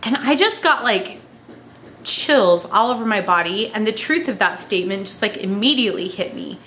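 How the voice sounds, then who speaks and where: A woman crying as she talks in a personal confessional vlog, halting and emotional as she searches for words. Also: mid-range voice, lively intonation, fairly bright tone, slight background noise. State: crying, tearful. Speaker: vlogger.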